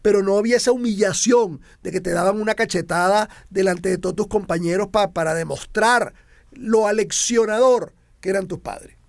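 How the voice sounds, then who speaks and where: Hosting a motivational talk, a middle-aged man from Venezuela speaks with a Venezuelan Spanish accent in a gravelly voice that sits high, at normal speed and with no echo. He is emphatic, stretching and repeating important words to drive them home.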